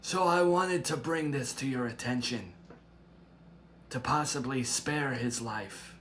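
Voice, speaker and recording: A man voicing a stern older grandmother who speaks in a measured, grave and threatening way, in an amateur drama. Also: mid-range voice, fairly bright tone, slight background noise. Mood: menacing. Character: stern protective grandmother, older woman, menacing resolve.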